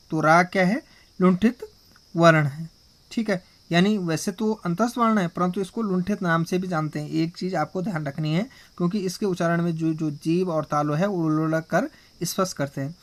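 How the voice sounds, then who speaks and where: A man's voice: high voice, fairly bright tone. A man teaching Hindi grammar in a classroom style. He asks himself questions, answers them, and keeps checking in with his listeners. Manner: slow, repetitive spelling-out of sounds.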